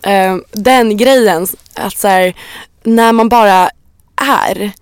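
A young woman chatting on a podcast, rambling through stories with fillers, restarts and casual swearing. Her voice sits at a middle pitch. The sound is dry and close, with no room around it. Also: smooth, no echo. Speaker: podcast co-host. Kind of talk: casual chat.

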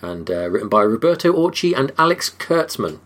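Husky-voiced male podcast host. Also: on the low side, sing-song, normal speed, a bit bright. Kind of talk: casual podcast chat.

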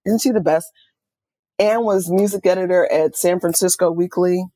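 Speaking at a normal pace in a lowish voice, a middle-aged woman from Oakland, California recounts stories in a conversational interview. She's an author and music journalist, and her storytelling is enthusiastic and animated, full of quoted asides.

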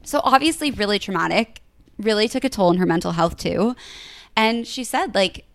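A woman's voice: medium pitch, animated, normal speed, dry recording. A young woman co-hosting a podcast, casually retelling a story and filling her speech with "like". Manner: chatty, fills speech with "like".

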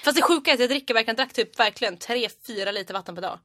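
A young woman, co-hosting a podcast in a studio, telling stories casually and trailing off into quiet asides. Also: fairly high pitch, dry recording. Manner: laughing, storytelling, trailing off quietly. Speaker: podcast co-host. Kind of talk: casual chat.

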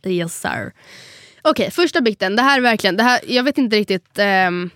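A woman's voice: medium pitch, lively intonation, a bit bright, no room sound, studio quality. A young woman co-hosting a casual podcast, easygoing and amused, who reads listener emails aloud. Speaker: podcast co-host. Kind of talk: casual podcast chat, reading listener mail.

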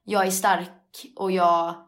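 A young woman talking openly with a friend, lively and quick to laugh. She mixes Swedish with English phrases and speaks candidly about her own feelings. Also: on the low side. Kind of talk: casual chat.

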